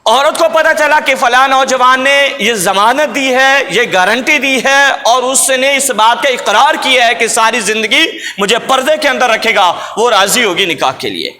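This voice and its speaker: Man, preacher, emphatic sermon storytelling, very high voice, echoey hall. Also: pushed and bright. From Pakistan. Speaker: religious preacher. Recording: long hall reverb.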